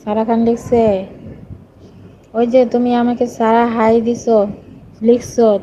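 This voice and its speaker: Woman host, soft and quiet, reading chat on a live stream; flat, mellow delivery; dull lo-fi phone audio with faint noise. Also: on the high side, takes it slowly. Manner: speaks softly and quietly. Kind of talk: casual live-stream chat, reading viewer comments aloud.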